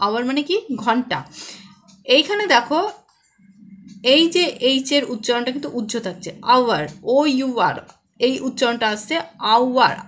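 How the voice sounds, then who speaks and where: High-voiced patient Bengali woman teacher. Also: fairly bright tone, slight background noise. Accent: West Bengal Bengali. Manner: patient, asks and answers her own questions. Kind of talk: explaining a children's English lesson.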